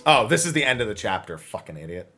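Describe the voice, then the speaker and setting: A man's voice: on the low side, sing-song, quick pace, pushed and bright, faint music behind. A man streaming a video game, thinking aloud about his plans, swearing freely and laughing at the game. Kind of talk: casual live game commentary.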